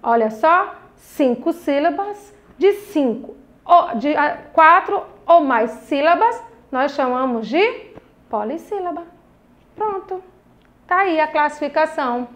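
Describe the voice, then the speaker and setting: With a high, expressive voice at a slow pace, a young woman from Brazil gives children a recorded lesson. Her Brazilian Portuguese accent comes through as this primary school teacher speaks patiently and encouragingly, drawing out every syllable.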